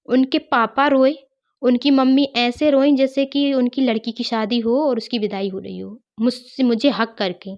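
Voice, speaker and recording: A woman's voice: a little high, fairly even intonation, normal speed, highs cut off. A woman earnestly telling a personal story, retelling what others said to her. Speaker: guest sharing a personal testimony.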